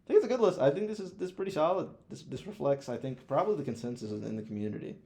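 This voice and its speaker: Talking very fast, this young podcast co-host has a medium-pitched, gravelly, dark voice with lively intonation. He chats casually and ranks films opinionatedly, his slang emphatic and full of profanity.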